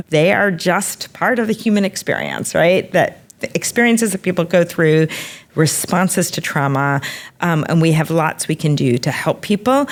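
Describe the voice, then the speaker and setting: A woman physician explaining things in a measured, careful way during an expert interview. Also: low voice.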